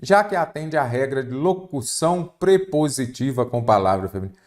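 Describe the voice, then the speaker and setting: A man's voice: mid-range voice, lively intonation, normal speed, darkish tone, roomy sound. A middle-aged Brazilian man teaching an exam-prep Portuguese lesson, emphatic and full of rhetorical questions, telling students to take notes.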